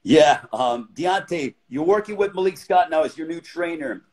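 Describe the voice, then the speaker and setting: A male host runs a livestream interview in a brisk, upbeat way. He fills the gaps with plenty of fillers as he frames his questions. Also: fairly high pitch, animated, darkish tone.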